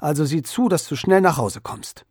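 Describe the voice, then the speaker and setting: A man voicing a caring but strict mother who scolds briskly. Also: fairly high pitch, expressive, darkish tone, husky, dry recording, studio quality. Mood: scolding.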